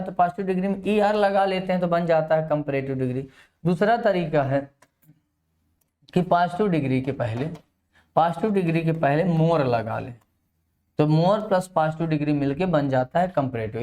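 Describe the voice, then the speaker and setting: A man's voice: on the high side, darkish tone. A man teaching an English grammar lesson in a Hindi-accented classroom style, often repeating key words back as questions to his students. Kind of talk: classroom lecture.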